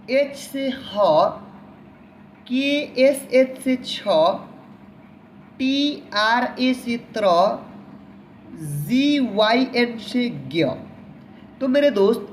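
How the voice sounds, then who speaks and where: A man with a very high-pitched voice teaches an online lesson patiently, repeating each word several times and often calling the viewer his friend. Slight background noise can be heard.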